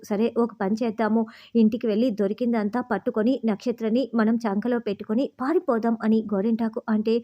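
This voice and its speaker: Woman narrator, higher pitch, dark mellow tone, scripted serial recap, all quotes read in one voice. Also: dull audio.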